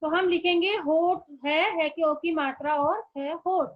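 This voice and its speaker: A woman's voice: extremely high pitch, steady tone, measured pace, lo-fi sound. A woman schoolteacher giving an online class lesson, speaking patiently and repeating words for young children.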